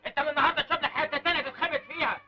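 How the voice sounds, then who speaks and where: An actor with an Egyptian Arabic accent playing an indignant, proud man who scolds loudly in an old film comedy. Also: very high voice, fairly even intonation, exaggerated voice. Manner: loud, rapid, indignant scolding. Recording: dull old film soundtrack with music.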